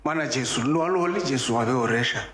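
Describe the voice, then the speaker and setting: A man slowly giving a church testimony to the congregation, deliberate and growing joyful. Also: medium pitch, fairly bright tone. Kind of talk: slow spoken testimony to a congregation. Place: large echoing church hall. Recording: echoey church hall with crowd noise.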